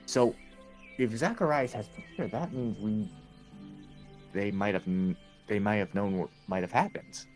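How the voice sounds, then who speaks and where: A man's voice: lowish voice, measured pace, darkish tone, soft background music. A man playing in a tabletop roleplaying game, talking casually in character.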